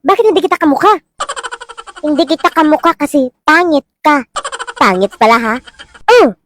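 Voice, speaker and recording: A woman's voice: high voice, lively intonation, fairly quick, a bit bright, a little hiss or hum. A woman with a Filipino accent acting out short comic skits, switching between characters. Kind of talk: comedic POV skits playing many characters.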